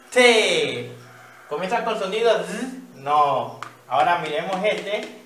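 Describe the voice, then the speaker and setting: A man teacher giving a children's reading lesson, patiently sounding out words slowly and checking in with "¿ya?". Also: high voice, animated, a bit bright, roomy sound.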